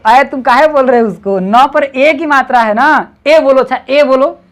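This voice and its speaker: A woman tutoring reading one-on-one, patiently repeating syllables slowly and coaxing her student along. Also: high voice.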